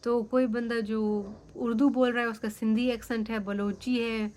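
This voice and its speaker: A young Pakistani woman, a native Sindhi speaker, chats frankly and casually as a vlogger in Sindhi-accented Urdu, dropping in English phrases. Her voice is on the high side and darkish, with little pitch movement and a moderate pace.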